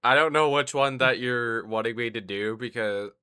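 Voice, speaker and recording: A man co-hosting a casual podcast in slow, joking banter. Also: mid-range voice, sharp tone, clear, resonant tone. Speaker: podcast co-host.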